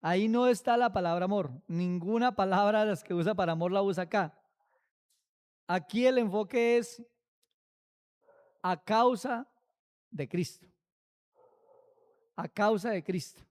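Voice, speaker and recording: Guy preaching a bible study, high clear voice, slow emphatic, lots of questions to the congregation. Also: a little mellow. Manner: asks many rhetorical questions, slow and emphatic.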